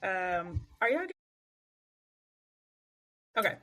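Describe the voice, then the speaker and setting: A woman's voice: medium pitch, very animated, extremely slow, pushed and bright. A woman in her thirties from Detroit's east side, an urban planner talking as a podcast guest in an emphatic, direct way. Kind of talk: casual podcast chat.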